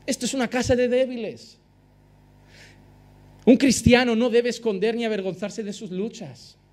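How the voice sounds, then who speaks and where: High-voiced impassioned preacher. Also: male voice, fairly even intonation, moderate pace, a little mellow. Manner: impassioned preaching, repeats phrases for emphasis. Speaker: pastor. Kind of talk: sermon.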